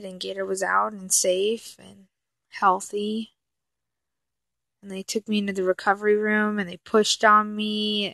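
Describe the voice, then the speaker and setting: A woman recounting a personal memory in a soft, halting way, pausing often with "um". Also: medium pitch, gravelly, no room sound. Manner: halting, soft-spoken, frequent "um" pauses. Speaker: mother recounting her son's birth. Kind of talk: personal storytelling.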